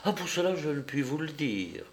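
A man's voice: on the high side, big pitch swings, moderate pace, pitched above the performer's own voice. A man voicing a gossiping society lady telling a dramatic tale, in an audiobook reading. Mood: gossipy.

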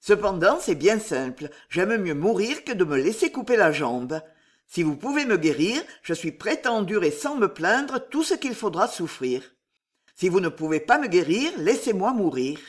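A woman's voice: on the low side, big pitch swings, moderate pace. A woman reading aloud, voicing a wounded young male officer who speaks in an insistent, defiant way.

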